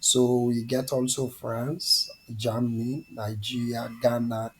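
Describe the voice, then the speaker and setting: A man's voice: mid-range voice, little pitch movement, slow pace, slight background noise, poor audio. A man with a Sierra Leonean accent, teaching an informal online lesson in West African Krio-style pidgin English. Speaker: teacher and presenter of an online class.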